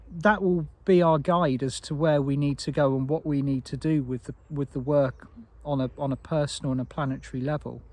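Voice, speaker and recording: A man giving an unscripted spiritual talk as a teacher, soft and meandering with frequent restarts. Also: medium pitch, creaky.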